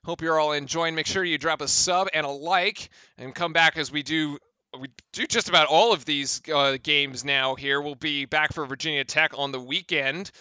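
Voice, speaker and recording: A man doing excited live play-by-play for a fan stream, chatting with viewers and shouting on big plays. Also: a little high, moderate pace, clear, resonant tone, no echo.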